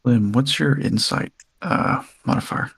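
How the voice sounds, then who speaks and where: A man's voice: medium pitch, a little slow, gravelly, fairly bright tone, breathy edge, no echo. A man chatting casually as a player in a tabletop game and asking questions. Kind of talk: casual chat.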